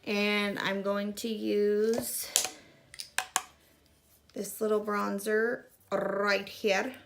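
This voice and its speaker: A woman in her thirties, a makeup vlogger, chats casually through a tutorial and drops self-deprecating asides. Her medium-pitched voice is flat and gravelly, with drawn-out words, and there's noise in the background. A fixed camera at arm's length records her in a small room in front of a gray curtain.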